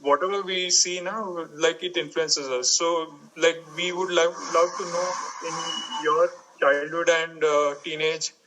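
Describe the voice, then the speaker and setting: A man's voice: on the high side, steady tone, unhurried, hardly any pauses, background noise. A man hosting a casual group conversation, explaining ideas with many fillers. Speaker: host.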